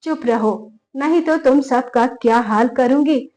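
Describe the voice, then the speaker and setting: A woman voicing a bullying young daughter-in-law who shouts, scolds and threatens her in-laws. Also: sits high, measured pace. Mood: angry scolding.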